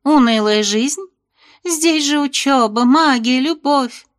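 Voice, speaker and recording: Woman reading nervous fairy headmistress, evasive, dismissive, soothing, higher-pitched voice. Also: takes it slowly. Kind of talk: audiobook character reading.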